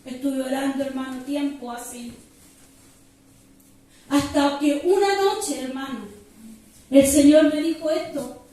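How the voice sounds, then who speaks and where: A woman preaches with fervor at a house church service. She speaks in a very high voice, picked up from a distance in a strongly echoing room. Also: slow, pauses often, warm tone. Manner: fervent, repeatedly addresses listeners as "hermano". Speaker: preacher giving testimony. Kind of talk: sermon testimony. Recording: echoey room, voice from far off.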